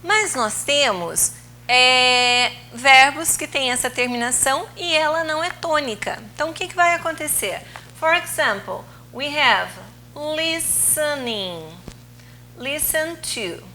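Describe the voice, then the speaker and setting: A woman teaching English in a recorded video lesson, explaining rules slowly and patiently, drawing out key words, with Portuguese as her first language. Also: sits high, lively intonation, bright, forceful tone, a little hiss or hum, rough recording.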